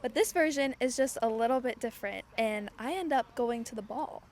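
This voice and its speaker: Lively higher-voiced young woman cast member. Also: a little fast. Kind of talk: casual interview answers. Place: outdoor theatre stage.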